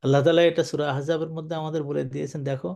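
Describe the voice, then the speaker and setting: Older man, gravelly and mellow, animated Quran commentary. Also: on the high side, very fast. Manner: animated, with colloquial asides and Arabic recitation. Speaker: Islamic scholar giving Quran commentary. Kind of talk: sermon-style Quran commentary.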